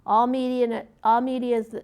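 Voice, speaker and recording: A woman co-hosting and reading community event announcements in a conversational, slightly halting way. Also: fairly high pitch, flat delivery, a little mellow, clear, resonant tone. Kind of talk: conversational announcements, read from notes.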